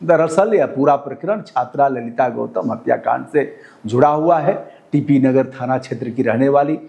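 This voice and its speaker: A man's voice: mid-range voice, normal speed, creaky, mellow. A male news commentator reading a report and breaking off to scold the police directly in an indignant tone.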